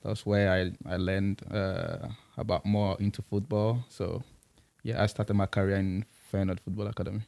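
A young man from Ghana in his twenties, with a fairly low voice, talks about his soccer career as a podcast guest. He speaks in an easygoing, relaxed way and is quick to joke. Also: gravelly. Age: 20s. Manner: easygoing, playful boasting. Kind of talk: casual interview chat.

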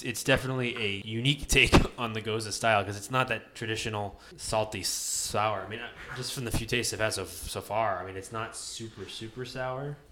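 Low-voiced man, rambling beer chat. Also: noisy background. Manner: rambling, hedging, many restarts. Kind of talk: casual chat.

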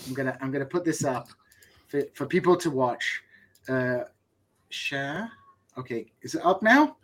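A man hosting a casual online chat, quick and jokey as he shares a clip. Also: mid-range voice, expressive, a bit bright. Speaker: podcast host.

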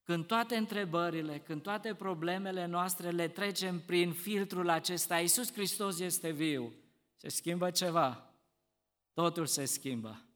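Impassioned high-voiced preacher in echoing hall. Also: male voice. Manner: impassioned, swings from hushed to loud emphatic. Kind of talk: sermon.

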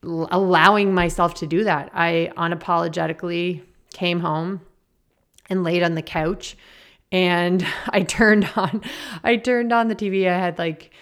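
A woman's voice: fairly low pitch, steady tone, measured pace, a bit bright. A woman podcast host chatting informally and easily in a casual style, recorded at a desk in a small basement office. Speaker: podcast host and energy healer. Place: small basement office indoors, slightly echoey. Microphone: podcast microphone at a desk.

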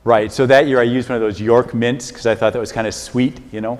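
An older man, a priest, giving a relaxed, conversational homily with chuckling, self-deprecating stories. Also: medium pitch, brisk. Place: large church. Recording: reverberant church hall.

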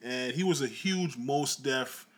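A man from Jamaica co-hosting a podcast with his wife, telling stories in a relaxed, chatty way. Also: medium pitch, slow. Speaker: podcast co-host. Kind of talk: casual chat.

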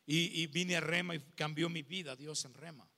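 Mexican pastor, middle-aged man, bright voice, emotional sermon, swings loud to hushed, long church-hall reverb. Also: a little high, steady tone, normal speed. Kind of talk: sermon testimony.

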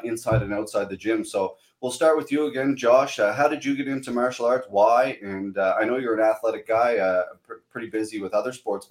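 Hungover man hosting, roomy sound. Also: mid-range voice. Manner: informal, hesitant, frequent uhs. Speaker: podcast host. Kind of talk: casual podcast hosting.

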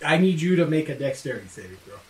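A man's voice: on the high side, big pitch swings, quick pace. A man improvising narration as game master of a tabletop fantasy game. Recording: roomy, distant mic with faint noise.

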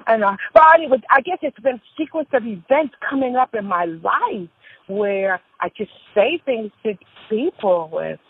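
A woman speaks in a husky, slightly breathy voice, piling up emphatic asides as her stories wander. The sound comes through a tinny, phone-like line. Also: on the high side, big pitch swings, normal speed, dry recording. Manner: rambling, emphatic storyteller. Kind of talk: casual phone chat.

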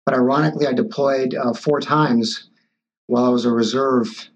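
In a mid-range voice with fairly even intonation and a moderate pace, a physician in his sixties fields interview questions. He was born in Taiwan and grew up in Los Angeles, hesitates with many fillers and restarts, and the recording sounds dull and lo-fi.

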